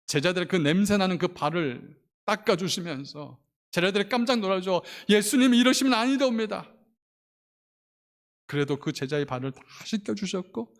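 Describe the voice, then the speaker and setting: A male pastor preaching a sermon in a church sanctuary, telling a story with fervor and pressing his points with rising emphasis. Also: fairly high pitch.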